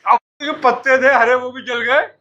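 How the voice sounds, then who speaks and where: A man with a very high, bright voice tells a religious story to his listeners in a loose, casual way. He slips into the voices of the story's figures as he speaks. The recording sounds dull and lo-fi. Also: fairly even intonation, a little hiss or hum. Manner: casual, acts out dialogue with quick voice shifts. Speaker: Sufi teacher telling a story. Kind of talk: storytelling talk to disciples.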